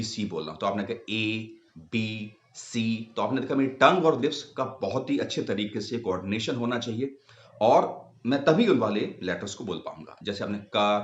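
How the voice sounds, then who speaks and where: Guy teaching speech in hindi, voice goes up and down a lot, sounds out letters slow, kinda echoey dull room sound. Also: medium pitch. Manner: patient, demonstrates sounds slowly one by one. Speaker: speech coach. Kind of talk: explaining speech exercises to viewers.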